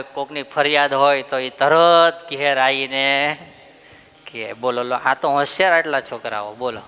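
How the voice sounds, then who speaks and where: A male preacher telling a story in a lively sermon, full of rhetorical questions to the audience. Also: medium pitch, smooth, long reverb tail. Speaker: preacher giving a religious discourse.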